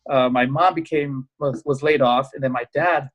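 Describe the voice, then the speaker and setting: A man in his thirties, born in Pakistan and raised in the US, talking as a podcast guest in a casual, animated way with fillers. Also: mid-range voice, lo-fi sound. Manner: animated, rapid storytelling with fillers. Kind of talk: casual interview chat.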